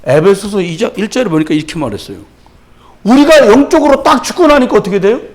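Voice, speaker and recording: Lively high-voiced man preaching. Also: fast. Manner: animated, shouting out acted quotes then dropping to a hush; chuckles through his own stories. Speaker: pastor. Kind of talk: Friday evening sermon.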